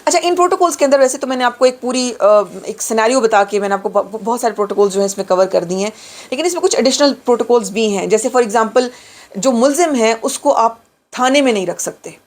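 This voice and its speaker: Speaking fast in a fairly high, animated voice, a middle-aged Pakistani lawyer explains legal material in a lecture. She hammers home key points by repeating and rephrasing them, dropping in English phrases as she goes.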